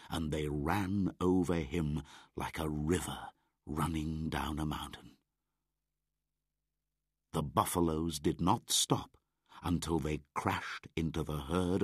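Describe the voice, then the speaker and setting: Brief: deep unhurried man reading a children's classic aloud, husky and careful. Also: no room sound, clean studio sound. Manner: slow, clear, measured. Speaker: audiobook narrator. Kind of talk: scripted narration of a graded reader.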